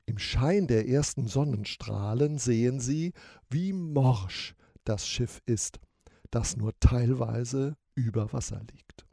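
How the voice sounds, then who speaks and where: A man narrating a children's story in an expressive storytelling way. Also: mid-range voice, slow, gravelly, no room sound, clean studio sound.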